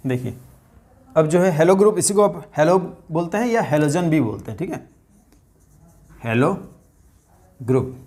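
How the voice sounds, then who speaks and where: A man's voice: fairly high pitch, big pitch swings, darkish tone. Male teacher quizzing students. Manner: asks the class questions and repeats key terms slowly. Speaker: chemistry teacher. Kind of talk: explaining a chemistry lesson to students.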